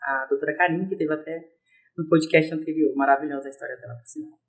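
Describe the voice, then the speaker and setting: Fast-talking woman telling her story. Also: deep voice, steady tone. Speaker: podcast guest. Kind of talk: casual storytelling interview.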